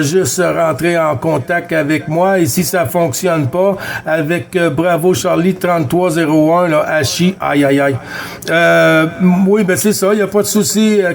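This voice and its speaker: A Québécois CB radio operator runs a contact net, chatting in a fairly high, gravelly voice at an unhurried pace. He is friendly and courteous and often repeats himself.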